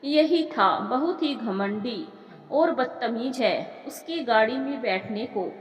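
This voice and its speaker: A woman voicing a suspicious, sharp-tongued college girl. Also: on the high side, lively intonation, slow pace, faint music behind. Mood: scolding. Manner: sharp, scolding. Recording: echoey room with long reverb.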